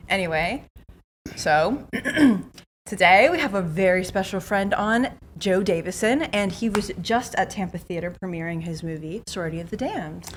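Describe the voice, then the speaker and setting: A woman's voice: medium pitch, moderate pace, a little hiss or hum. Co-host woman with a slight lisp. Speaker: podcast co-host. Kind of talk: casual chat.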